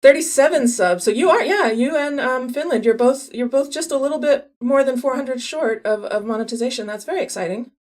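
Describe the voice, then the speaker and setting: A woman's voice: sits high, a little fast, few pauses. A woman in her forties chatting casually with viewers on a live stream, laughing often and restarting her sentences. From California. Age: 40s. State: a little out of breath.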